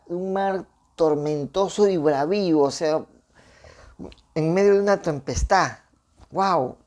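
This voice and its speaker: A man's voice: on the high side, a little mellow. A man giving an informal devotional sermon, reading a Bible passage and then reflecting on it in a chatty way, often checking in with his listeners and restarting phrases. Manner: conversational, with frequent tag questions and restarts. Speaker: preacher.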